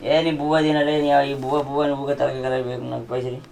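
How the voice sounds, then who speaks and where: An actor with a Telangana accent playing a boastful, slurring drunken village husband. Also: male voice, mid-range voice, level tone, fast talker, gravelly, darkish tone, lightly acted. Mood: grumbling. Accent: Telangana Telugu. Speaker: actor in a village comedy drama.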